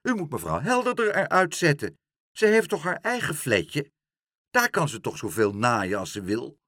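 Brief: man playing a kind, earnest shopkeeper, lively pitch. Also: normal speed, dry recording, studio quality, exaggerated voice. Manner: earnest, indignant. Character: kindly indignant older male bookseller.

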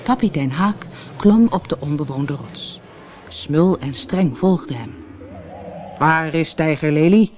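An expressive reader narrating a children's storybook, with faint background ambience. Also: mid-range voice, unhurried, slight background noise. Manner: expressive, animated.

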